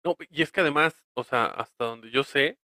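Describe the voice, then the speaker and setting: A man's voice: medium pitch, moderate pace, bright, forceful tone, dry recording, clean studio sound. A man with a Mexican accent co-hosting a podcast, chatting casually, laughing often and trailing off mid-thought. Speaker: podcast co-host. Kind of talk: casual chat.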